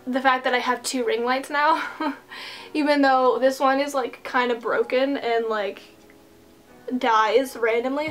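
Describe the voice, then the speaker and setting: A woman's voice: fairly high pitch, fairly bright tone. A young woman chatting casually while doing her makeup at home, rambling and self-deprecating, into a desk microphone. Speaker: streamer and vlogger. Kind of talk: casual get-ready-with-me chat.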